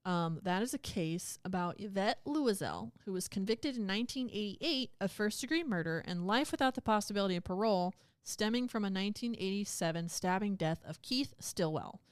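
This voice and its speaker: A woman's voice: medium pitch, lively intonation, fairly quick, few pauses, smooth, dry recording. A woman co-hosting a podcast, chatting casually and retelling a legal case in plain words. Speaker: podcast co-host. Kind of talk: casual chat.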